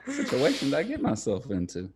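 A man's voice: medium pitch, huge pitch swings, fast, a crowd in the background. A man chatting casually as a podcast guest, laid-back and calling people man. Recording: audible background noise.

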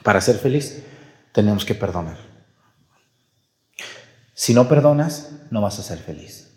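Mexican priest preaching in an echoing church. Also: male voice, on the low side, measured pace. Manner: conversational preaching with rhetorical questions; acts out quoted people in lively voices. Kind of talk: sermon at Mass. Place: large reverberant church. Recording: echoey church with long reverb.

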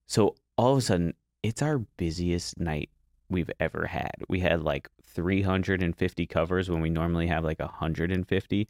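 A man's voice: sits low, moderate pace, a little mellow, dry recording, clean studio sound. A young man telling a kitchen story in casual talk, acting out his panic in a raised voice. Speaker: guest chef.

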